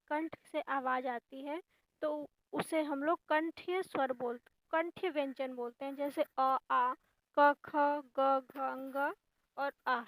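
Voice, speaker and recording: A woman's voice: sits high, no echo, rough recording. A woman teaching a grammar lesson for exam preparation, explaining each point patiently, step by step.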